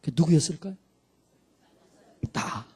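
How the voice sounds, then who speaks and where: High-pitched husky guy pastor, middle-aged, preaching hard in church, asks for amens. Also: animated, unhurried, mellow. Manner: fervent preaching, calls for amens, acts out dialogue. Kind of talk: sermon. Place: church sanctuary.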